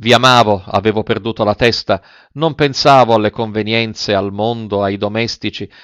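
A man voicing a young lover who pleads in a halting way and turns defensive, in a slightly dull, dry recording. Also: fairly low pitch, fairly even intonation, a bit bright, no room sound, lightly acted.

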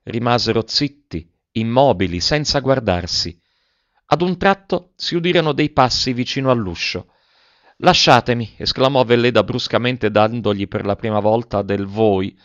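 A man narrating a literary story in a measured, even reading. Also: mid-range voice, dull audio. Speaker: audiobook reader.

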